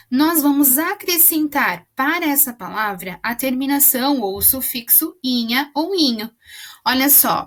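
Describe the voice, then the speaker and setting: A woman teacher explains spelling rules to children in a patient, clear way. Her voice sits a little high, and she slows down to spell out the example words. She keeps checking that the class is following along. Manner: patient, explaining, checks understanding with tag questions.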